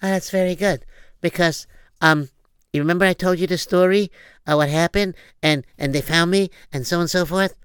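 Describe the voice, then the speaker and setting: A man plays a young woman who halts and fumbles for words, in a bright, clear voice. The delivery is full of fillers and restarts. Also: high voice, steady tone, no room sound, clean studio sound. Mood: earnest. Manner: halting, many fillers. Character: hesitant young woman hiding her identity.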